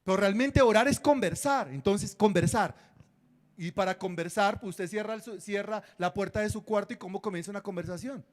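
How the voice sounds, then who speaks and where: A man's voice: high-pitched, brisk. A man preaching a sermon as pastor, acting out prayers and dialogues and quizzing his congregation.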